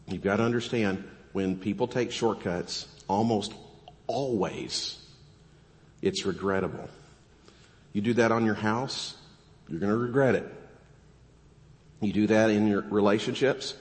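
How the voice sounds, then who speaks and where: Hoarse low-voiced pastor guy preaching, coughs a lot, cracks jokes, big churchy reverb. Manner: joking asides between earnest preaching. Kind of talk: sermon. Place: church sanctuary.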